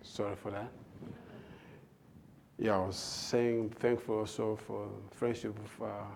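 A man, a guest preacher giving his personal testimony with many hesitant filler pauses. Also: fairly low pitch, little pitch movement, gravelly, darkish tone, slight background noise. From South Africa. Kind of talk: personal testimony before a sermon.

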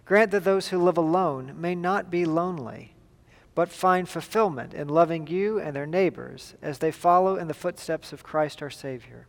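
Guy pastor praying formally, slightly high voice, big cathedral echo. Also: vocal fry. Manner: solemn, measured, formal recitation. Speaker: pastor leading a church service. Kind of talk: liturgical prayer. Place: large reverberant church. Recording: long cathedral-like echo of a large church.

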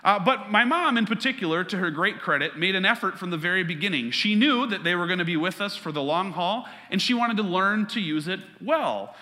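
A man's voice: high voice, expressive, a little fast, hardly any pauses, sharp tone, long reverb tail. A man preaching a sermon as pastor, earnest and conversational, weaving a personal story into his teaching.

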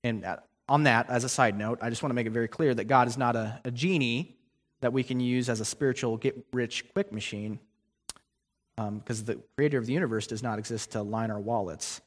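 A young man gives a guest sermon in a fairly quick, mid-range voice, preaching conversationally with frequent fillers and restarts. The church sanctuary adds a long hall reverb.

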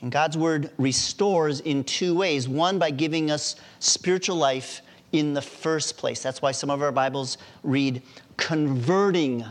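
A man preaching a sermon as a pastor in a church, deliberate and emphatic. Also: fairly high pitch.

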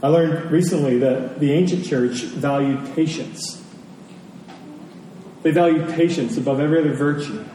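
Mellow and on the high side, a man's voice moves at normal speed through a conversational sermon, returning to key phrases for emphasis. The large reverberant hall and distant mic give heavy echo and faint noise.

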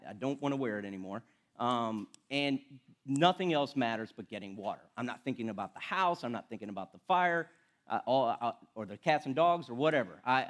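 A middle-aged man from Florida, a firefighter giving a casual sermon in a church sanctuary, chatty and self-deprecating with laughs and restarts. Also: medium pitch. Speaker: lay preacher and firefighter.

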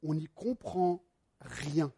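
A man's voice: a little high, takes it slowly, gravelly, warm tone. A man quoting a small, polite French baker who asks earnest questions.

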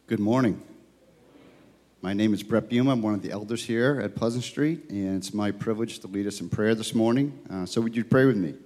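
A man, a church elder, leading a spoken prayer in a steady, reverent way, his voice ringing with a long cathedral-like echo. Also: fairly low pitch, fairly quick. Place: church sanctuary.

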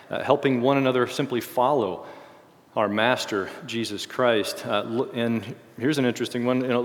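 In a large room with plenty of echo, a church teacher addresses a group during his discipleship series, giving an informal lesson on the Bible. His voice is medium-pitched and slightly failing from a lingering cold, and his explanations come out haltingly, full of self-corrections.

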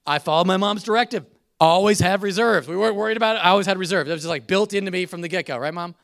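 A middle-aged man preaching a conversational sermon, telling stories with laughs and swings from loud to soft. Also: high voice, very fast, gravelly. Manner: conversational, animated storytelling with laughs. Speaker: pastor.

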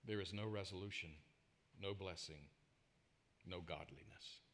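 A man preaching a sermon, telling personal stories to his congregation and swinging between loud emphasis and quiet asides. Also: sits low, measured pace, slight background noise. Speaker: pastor.

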